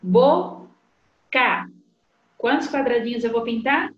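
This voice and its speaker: Slow sing-song woman teacher. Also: on the high side, animated, slight background noise. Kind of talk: recorded literacy lesson for young children. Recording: dull, echoey room sound.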